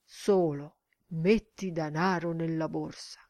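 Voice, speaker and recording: A woman's voice: sits low, steady tone, slow, darkish tone, dry recording, studio quality. A woman voicing a stern, self-satisfied old male schoolmaster who lectures solemnly in an audiobook. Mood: lecturing.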